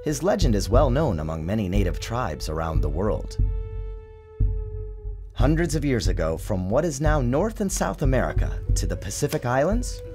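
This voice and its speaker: Over music and sound design, a man reads the children's storybook he wrote, performing it as a dramatic, theatrical narrator. He speaks at a normal speed in a mid-range voice, with expressive storyteller delivery.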